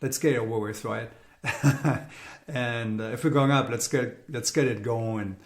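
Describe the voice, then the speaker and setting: A man's voice: medium pitch, steady tone, unhurried, reverberant. A man giving a casual market update, rambling with repeated words and fillers, sounding weary. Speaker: crypto market commentator.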